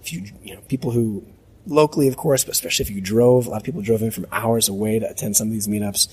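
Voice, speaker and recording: A man with a fairly low voice and a husky smoker's rasp, worn hoarse. He speaks as a podcast host recording a casual spoken diary, thinking aloud in a halting, reflective way. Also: darkish tone. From United States. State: hoarse voice from a long trip. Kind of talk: casual off-the-cuff audio diary.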